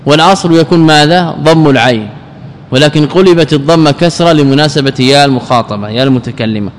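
A man's voice: fairly high pitch, fast talker. Man teaching grammar in a reverberant hall. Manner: explains rules step by step, repeating example words; prompts listeners with rhetorical questions. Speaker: sheikh teaching Arabic grammar. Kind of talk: lesson.

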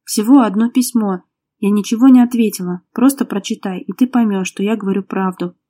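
A woman's voice: mid-range voice, a little fast, lightly acted. A woman voicing a defiant, desperate young woman in a bitter quarrel in an audiobook. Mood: heated. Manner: sharp, defiant, pleading.

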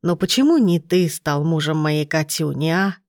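A woman's voice: sits low, animated, moderate pace, a little mellow, no room sound, studio quality. A woman reading the lines of a bossy, shrewd old grandmother in an audiobook. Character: fussy, scolding old grandmother.

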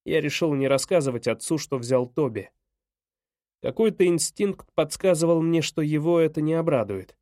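A man narrating a first-person audiobook in a measured, even way. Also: on the high side, no echo, clean studio sound.

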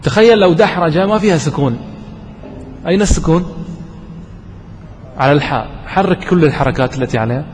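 A man's voice: a little high, lively intonation, darkish tone. Man teaching grammar in an echoing hall. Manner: asks students questions and answers them himself; slows to stress key terms. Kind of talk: classroom lesson. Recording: distant voice with long reverb and faint noise.

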